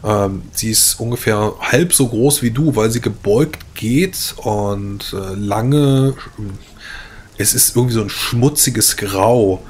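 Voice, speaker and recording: A man's voice: on the low side, slow, slight background noise. A man narrating as game master of a tabletop game, hesitant with many fillers.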